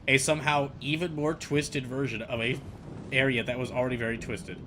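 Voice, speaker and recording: A male streamer commenting live on a game, his voice at a middle pitch. He rambles, restarts sentences and piles up fillers as he plays. A steady hiss of noise sits under the recording. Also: a little fast.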